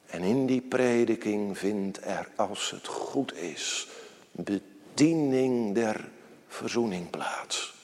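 Slow, solemn preaching man in a church. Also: lowish voice, animated, slight background noise. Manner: solemn preaching, swelling loud then dropping to a hushed near-whisper. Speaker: pastor. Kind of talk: sermon. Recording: long church reverb.

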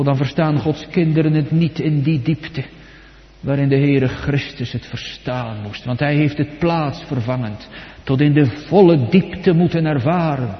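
Male pastor, slow, solemn sermon cadence, swells and sinks, long church echo. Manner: solemn preaching cadence, swelling loud and high for quoted psalms, dropping low and soft. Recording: dull sound with long church reverb.

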